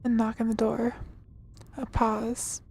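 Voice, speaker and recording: A woman's voice: a little high, level tone, takes it slowly, creaky, darkish tone, slightly rough. A woman streamer reading a game story aloud as scripted narration.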